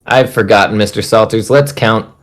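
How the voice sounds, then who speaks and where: A man's voice: fairly low pitch, steady tone, moderate pace, natural voice. Timid little farmer played by a man, small voice, apologetic, a touch raised. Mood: meek. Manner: meek, apologetic. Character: meek nervous small-voiced male farmer.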